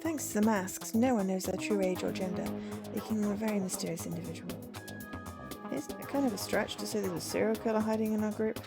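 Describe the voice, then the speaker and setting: A woman's voice: medium pitch, fairly even intonation, fast, gravelly. Woman playing through a game over music. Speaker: gamer playing a visual novel. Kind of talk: game playthrough, reading dialogue aloud with casual commentary.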